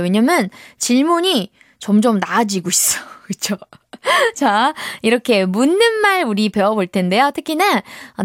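A woman's voice: on the high side, dry recording, studio quality. A woman teaching English to children in a cheerful, encouraging, sing-song way. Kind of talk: online English lesson for children.

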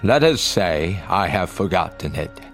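A man's voice: low-pitched, soft background music. A man playing a grave, noble lion king. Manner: slow, grave, calm.

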